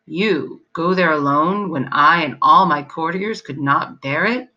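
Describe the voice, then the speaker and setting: A gentle old king frets in a genteel, fussy way, as a woman reading a storybook voices him. The tone stays bright and lowish, close to the reader's own. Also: measured pace, lo-fi sound.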